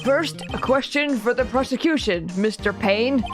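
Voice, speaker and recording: A woman voicing a very old male judge reading video game courtroom dialogue, formal and measured. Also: on the high side, over music, pitched above the performer's own voice, lightly acted. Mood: solemn, formal. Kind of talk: video game voice-over read-along.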